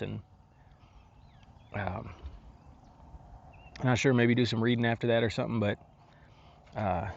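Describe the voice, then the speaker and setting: A man casually narrating his camping trip outdoors at a lakeside campsite, talking in a relaxed, rambling way with lots of fillers and restarts. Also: on the low side, vocal fry, lo-fi sound. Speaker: outdoor vlogger.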